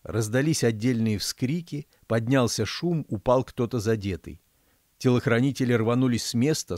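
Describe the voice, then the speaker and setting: A man, the author, reading his fairy-tale audiobook in a measured, storytelling manner. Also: mid-range voice, darkish tone, no room sound, studio quality. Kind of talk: audiobook narration.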